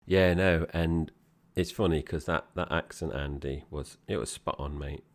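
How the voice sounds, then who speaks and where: Sex: man. Pitch: very deep. Role: podcast co-host. Style: casual film review chat. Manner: chatty. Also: steady tone, a little slow. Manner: chatty, addresses co-host directly.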